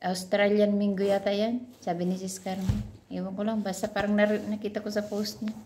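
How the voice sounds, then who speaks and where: A woman's voice: mid-range voice, flat delivery, normal speed, darkish tone, slight background noise. A woman vlogger in a casual chat, animatedly telling a story and acting out how she scolded a child.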